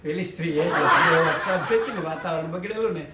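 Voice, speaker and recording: A man telling a comic story with lively, chuckling narration. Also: on the high side, a little fast, very noisy. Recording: roomy, distant mic, faint ambience.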